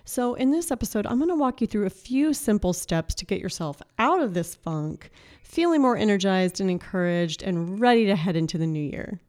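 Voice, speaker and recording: Woman, 30s, podcast host and life coach, slightly hoarse from a cold, chatty and casual, mid-pitched. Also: expressive, normal speed. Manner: chatty and warm, with filler words and laughs. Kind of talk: casual faith-based podcast talk.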